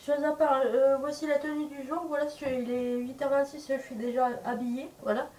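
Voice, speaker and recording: A woman's voice: high voice, little pitch movement, a little fast, dark tone. A woman with a congested, stuffy nose and sore throat from a cold, chatting casually to camera in a hesitant, rambling way as a vlogger. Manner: hesitant, rambling, searches for words. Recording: distant mic, faint background noise.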